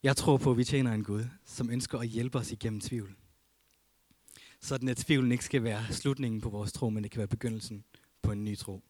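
A man preaching a sermon as a pastor, earnest, rising to emphasis and dropping to a hush, reading scripture aloud. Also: mid-range voice, steady tone, dry recording. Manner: earnest, swings between emphatic and hushed.

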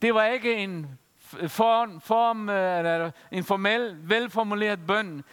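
High-voiced man preaching in a reverberant hall. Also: a bit bright, clean tone. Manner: storytelling with many hesitations. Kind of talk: sermon.

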